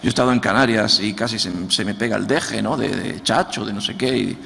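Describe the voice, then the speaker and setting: A man with a fairly low, fast, creaky and slightly bright voice, a pastor from Andalusia, Spain, with an Andalusian Spanish accent, preaches a sermon in a church hall. He often repeats words while searching for them and asks the congregation to answer back. The recording carries the hall's long reverb and faint noise.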